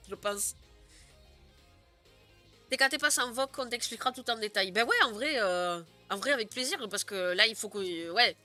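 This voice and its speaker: A woman's voice: on the high side, a little slow, pauses often, sharp tone, soft background music. A young woman streamer chatting casually with her viewers, giggling often and filling her talk with "euh" and "genre". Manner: chatty, giggly, many fillers. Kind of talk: casual live stream chat.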